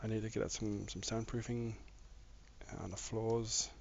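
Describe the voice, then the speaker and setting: While building in a game on a live stream, a man with a somewhat mixed Australian accent rambles and chats casually with his viewers from a home room. His fairly low voice has vocal fry and a slightly mellow quality, with little pitch movement at normal speed. Audio comes from a dull lo-fi mic with faint noise.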